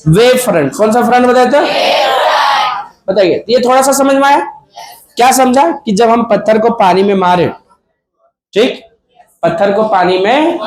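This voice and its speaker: During a classroom physics lecture, a man whose voice sits high asks questions, answers them himself and trades jokes with the students. The room is echoey and full of students, so there's noise behind him.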